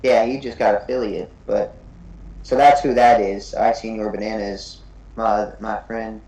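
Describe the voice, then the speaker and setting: A man's voice: on the low side, flat delivery, moderate pace, dark tone, poor audio. A man in his early thirties co-hosting a podcast stream, chatting in a laid-back, rambling way and laughing often. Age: 30s. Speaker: podcast co-host. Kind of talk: casual chat.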